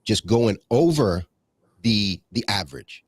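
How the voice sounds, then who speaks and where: Speaking with an animated, husky, lowish voice at a measured pace, a Bahamian man appears as a guest in a casual conversational interview. He reflects and rambles, restarting often, using many fillers and quoting scripture like a preacher. The sound is dry and clean, recorded in a studio.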